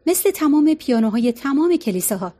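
A woman with a high voice narrating a novel. She reads in a steady, even storytelling manner. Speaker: audiobook narrator.

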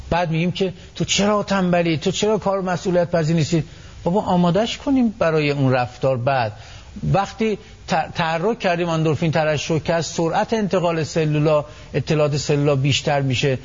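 A man guest on a radio talk show, explaining his ideas in an animated way, often acting out what people say. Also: a little high, lo-fi sound. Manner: animated storytelling, acts out quotes. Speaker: psychology expert guest.

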